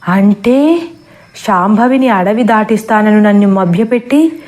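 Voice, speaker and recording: A woman's voice: mid-range voice, unhurried, close to an everyday voice. A woman reading as a mocking vengeful spirit woman. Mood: taunting. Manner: taunting, shouting threats. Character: vengeful female forest spirit, mocking and cruel.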